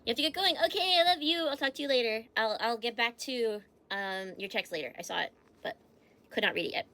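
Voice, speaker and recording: Giggly, bright-voiced woman streamer. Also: fairly high pitch, fairly quick. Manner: chatty, giggly, reads facts aloud and replies to chat. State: stuffy from allergies. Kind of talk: casual livestream chat.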